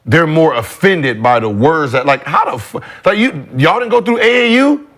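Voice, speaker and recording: A man's voice: on the high side, lively intonation, normal speed, fairly bright tone. A man co-hosting a sports podcast, talking in loose, joking, trash-talking banter. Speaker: podcast co-host. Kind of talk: casual sports chat.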